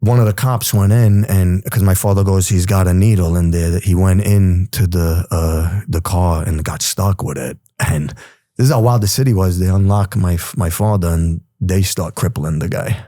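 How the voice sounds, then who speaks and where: A man's voice: deep voice, normal speed, no echo, clean studio sound. A man in his forties with a New York accent, telling stories from his past in a casual, streetwise interview manner. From New York City. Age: 40s. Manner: streetwise, animated, says "bro" and "you know". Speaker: guest.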